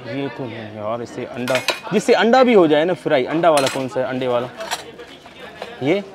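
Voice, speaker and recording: This casual shopping vlog features a man with an animated, medium-pitched voice speaking at an ordinary pace. He bargains good-naturedly and chats with vendors, with the noise of a busy outdoor market crowd all around.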